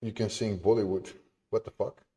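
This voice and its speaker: A man's voice: lowish voice, fairly even intonation, moderate pace, dark tone. A man chatting casually with his live-stream viewers in a chatty, apologetic, easily amused way. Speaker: game dev streamer.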